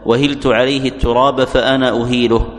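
A man reading a classical grammar text aloud, reciting it in a measured way before the teacher. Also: medium pitch, flat delivery, in a large hall.

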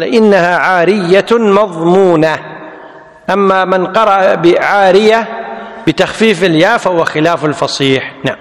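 A man teaching a lesson, who repeats each word and quizzes his students. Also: high voice. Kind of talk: classical Arabic text lesson. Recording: long hall reverb.

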